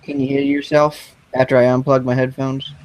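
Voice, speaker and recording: A teenage man chatting casually over a voice call, his voice robotic and distorted, with deadpan quips. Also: medium pitch, moderate pace. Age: late teens. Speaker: guest writer. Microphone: headset over voice call.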